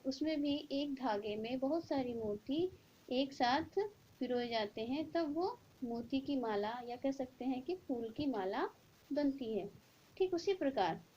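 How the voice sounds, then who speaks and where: Woman teacher going slow thru a grammar lesson, highish voice, kinda dull lo-fi recording w faint hiss. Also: warm tone. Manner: slow, deliberate explanation with drawn-out example sounds. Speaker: school teacher.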